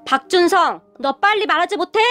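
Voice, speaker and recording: A woman voicing a stern, quick-tempered older father-in-law in a spoken story. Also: sits high, lively intonation, fairly bright tone. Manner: stern, firm.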